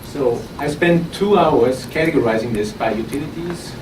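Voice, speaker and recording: At an innovation event, a man with an Austrian accent pitches his startup live in a conference room at a moderate pace, chatty and loose, stumbling over and repeating words. The microphone seems far from him, and the space echoes. The noisy audience recording carries a steady hiss of air and room noise.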